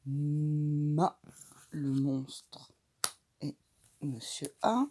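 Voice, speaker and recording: Femme lente et posée, voix douce. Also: female voice, low voice, warm tone, a little hiss or hum. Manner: slow, deliberate, stretches out sounds. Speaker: teacher. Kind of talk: demonstrating a reading activity.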